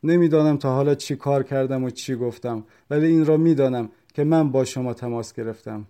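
A man voicing a desperate, grieving brother who shouts and pleads with police. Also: medium pitch, clear, resonant tone, lightly acted. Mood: pleading angry.

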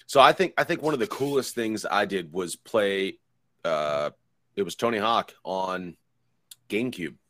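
A man in his thirties co-hosts a casual podcast, rambling and swearing through laid-back stories. His voice is on the low side, pushed and bright, with lively intonation at a measured pace. The studio-quality recording has no echo.

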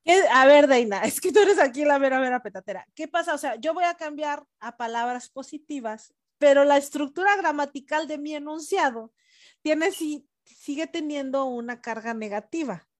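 A woman's voice: high voice, normal speed. A woman, co-hosting a casual spiritual podcast, explaining ideas in a playful way with asides. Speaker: podcast co-host.

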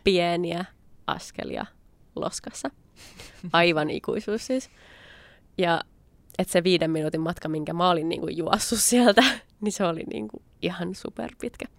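Speaking in a low, creaky, expressive voice with no room sound, a young adult woman chats her way through an anecdote from her own life. She plays out her past lines as quoted asides.

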